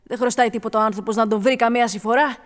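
A woman's voice: fairly high pitch, steady tone, long reverb tail, natural voice. A woman playing a young man on the run who speaks earnestly and plainly. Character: young man Nikolas, hunted fugitive, loyal.

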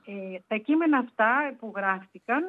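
Woman author guest, higher voice, halting delivery, phone-line audio. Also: animated. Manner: hesitant, many fillers. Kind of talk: radio interview.

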